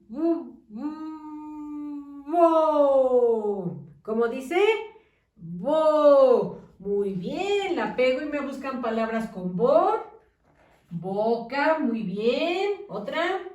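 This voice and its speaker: A high, lively woman's voice that stretches every syllable very slowly. She is teaching children phonics, repeating syllables in a sing-song way and praising often. She sounds a bit away from the mic in an echoey room. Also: recorded from a distance.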